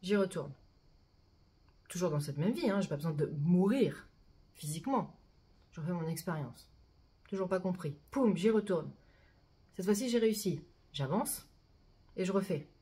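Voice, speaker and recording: A woman with a low, mellow voice talks through an oracle card reading in a chatty way. She keeps checking in with her listeners as she goes. Her delivery slows and softens whenever she reads out a mantra. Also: expressive. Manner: chatty, repeats "hein" and "d'accord" often; reads mantras slowly and softly. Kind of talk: spiritual card reading talk to viewers.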